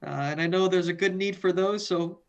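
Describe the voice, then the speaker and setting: In a recording with its highs cut off, a young student from the western United States talks as a video interview guest in a high voice, a little fast. He is earnest and keeps repeating and restarting his words.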